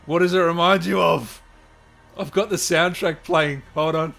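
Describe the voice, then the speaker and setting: A slightly high, creaky, somewhat bright male voice comes through at a steady, slightly slow pace over soft background music. The livestream host and gaming interviewer chats casually, reading comments aloud, answering them, and repeating phrases often.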